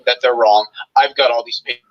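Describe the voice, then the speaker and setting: A man's voice: medium pitch, steady tone, a little fast, highs cut off. A man in a casual online group chat whose earlier phrases echo back a moment later through another caller's microphone. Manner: repeats his earlier phrases as a delayed echo. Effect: his words echoed back through another caller's mic. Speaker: call-in panelist.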